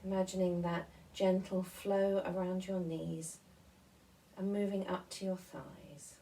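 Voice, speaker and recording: Woman doing a gentle guided meditation, really slow, mellow voice, mic a bit far off. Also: lowish voice, level tone, creaky, slight background noise. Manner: gentle, soothing, unhurried instruction with pauses. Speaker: guided relaxation and devotional movement leader.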